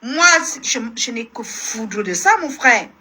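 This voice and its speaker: A Cameroonian woman hosts a phone live stream and rants at her audience. Her voice is high and sharp, with a tense edge. She scolds and fights back, circling the same lines again and again. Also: big pitch swings, takes it slowly. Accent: Cameroonian French. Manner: combative, scolding, repeats herself. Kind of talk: heated live-stream rant.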